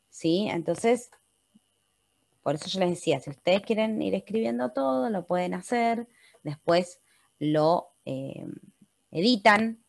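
An Argentine woman teaching a webinar computer class, walking her students through a spreadsheet step by step and often checking in with a patient "¿sí?". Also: mid-range voice. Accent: Argentine Spanish. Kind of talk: step-by-step software tutorial. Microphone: computer mic in a webinar.

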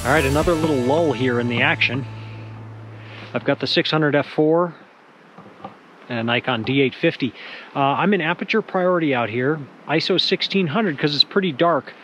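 Out in a rocky field as dusk falls, a male wildlife photographer talks easily to his vlog audience, poking fun at himself in a laid-back way. His voice is a little high and moves at normal speed over soft background music.

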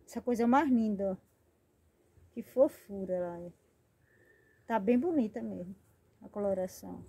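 A woman's voice: mid-range voice, moderate pace, vocal fry, mellow, husky. A woman hosting a casual gardening vlog, chatting affectionately as she names and shows each of her plants. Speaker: plant channel host.

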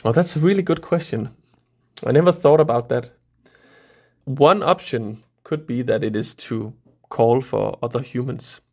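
A man's voice: medium pitch, a little slow. A middle-aged man from Denmark, a researcher, explaining science to kids in a thoughtful way, with many fillers and restarts. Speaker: researcher guest.

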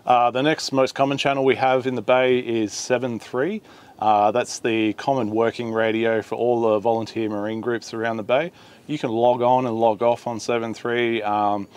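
Here the same kind of speaker, an Australian volunteer coast guard instructor in his thirties, talks at a normal pace in a level, mid-range voice. His instructional video is informal and plain-spoken, explained step by step, and recorded on a boat, in an open garage and in a radio room with roomy echo and clear ambient sound.

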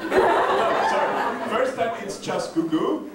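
A young man whose first language is German, chatting on stage with a handheld mic, laughing as he explains a song in halting English. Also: very high-pitched, very animated, heavy background noise. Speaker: performer leading a song. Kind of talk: casual stage talk. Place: large hall with live audience. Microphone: handheld microphone, far camera. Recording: echoey hall, far camera, crowd.

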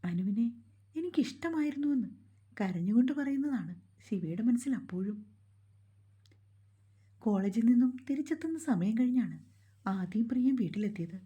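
Woman reading a novel in a dark, breathy voice. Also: medium pitch, expressive, moderate pace, pauses often, highs cut off. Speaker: storyteller. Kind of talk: scripted narration of a romance novel.

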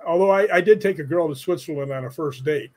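A man's voice: on the high side, quick pace, a little mellow. An older man, a guest on a video call, telling joking stories with chuckles. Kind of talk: casual video-call interview.

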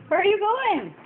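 A woman's voice: very high voice, narrow, tinny audio, noisy background. A mother filming her child, teasing and laughing from behind the camera on old camcorder audio. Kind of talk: home video chat behind the camera. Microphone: camcorder built-in mic.

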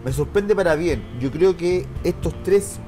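A man's voice: high voice, a little slow, dark tone. A man giving his commentary as a panelist on a TV talk show. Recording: faint music bed under the voice.

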